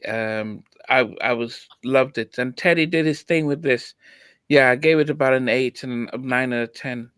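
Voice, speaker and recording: A man's voice: medium pitch, moderate pace, fairly bright tone, clean tone, no echo. A man hosting a podcast, chatting casually about an album with lots of restarts. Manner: hesitant, many restarts and fillers. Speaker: podcast host. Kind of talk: casual music review chat.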